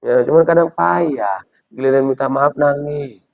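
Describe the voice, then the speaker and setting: A man's voice: fairly high pitch, a little slow, creaky. Jokey preacher man, lo-fi. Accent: Medan Indonesian. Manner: jokey, playful, acts out quoted voices. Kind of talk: humorous sermon. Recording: dull lo-fi recording.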